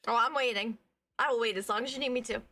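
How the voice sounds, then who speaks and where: High bright woman wincing through hot sauce. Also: fast. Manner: dry, wincing remarks about the pain. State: eyes watering from spicy food. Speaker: stream co-host. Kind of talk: casual live-stream chat.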